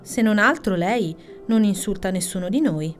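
A woman's voice: mid-range voice, lively intonation, moderate pace, faint music behind, natural voice. A woman voicing a prim mother mouse who scolds in a formal, reproachful way in a storybook.

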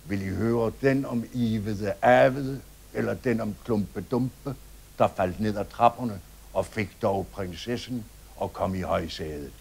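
A man voicing a small, stout storyteller speaking calmly to children in a fairy tale, low and unhurried. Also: creaky, slightly rough. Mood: genial.

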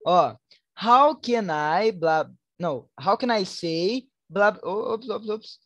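A woman with a Brazilian Portuguese accent, teaching an online English class, switching between Portuguese and slowly spoken English examples. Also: mid-range voice, lively intonation, no room sound, lo-fi sound. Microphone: online class headset or computer mic.

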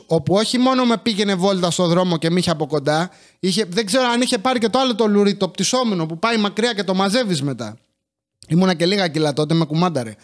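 A man from Athens telling crude, profane childhood stories in an animated comic monologue. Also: high-pitched. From Athens, Greece. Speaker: comedian.

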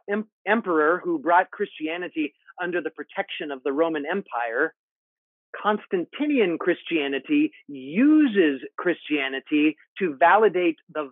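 A man in his forties delivers a sermon from his home study, speaking slowly and deliberately in a somewhat high voice. The sound is narrow and phone-like, picked up by earbuds on a video call. The room sounds dry and close. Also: no echo. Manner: measured, deliberate preaching with expressive hand gestures. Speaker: pastor. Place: home study with bookshelves, indoors.

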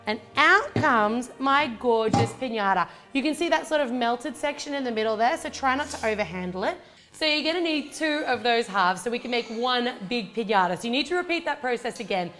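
An Australian woman in her thirties hosts a baking channel, demonstrating a recipe in her home kitchen and chatting upbeat through each step. Her high-pitched voice is expressive and a bit bright, at a moderate pace. Soft music plays in the background.

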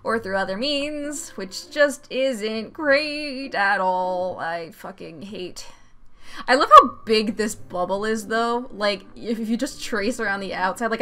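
A young woman hosting a reaction video, rambling excitedly, swearing freely and laughing as she comments. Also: mid-range voice.

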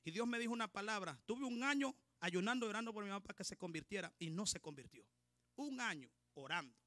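A man preaching a sermon with fervor, building up to shouting. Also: high voice, expressive, fast talker, no room sound.

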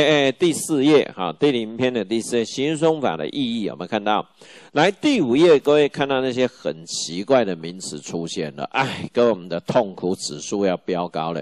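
Animated, joking middle-aged male law lecturer. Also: on the low side, no room sound. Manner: joking, animated, constant rhetorical questions to students. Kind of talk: classroom lecture.

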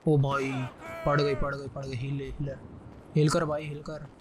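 A man giving live gameplay commentary, excitedly shouting quick callouts. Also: fairly high pitch, crowd noise. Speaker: gaming YouTuber.

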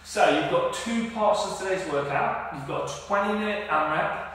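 A fairly high-voiced man, out of breath, talks through a workout in a loose, casual way and fixes his own slips as he goes. He stands some way from the mic in a very echoey room with a long ring to it. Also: moderate pace, a bit bright, far from the mic, a little hiss or hum. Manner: casual, explains step by step with self-corrections. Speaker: fitness coach. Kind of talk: workout instruction. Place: indoor home workout space.

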